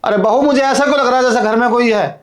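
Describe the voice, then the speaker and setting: A suspicious blind old father-in-law, played by a man, with a very high, thin voice. He calls out again and again and keeps pressing with questions. He comes from a homemade drama skit. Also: steady tone, quick pace. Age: older. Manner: calls out repeatedly, insistent questioning. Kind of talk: amateur Hindi drama skit.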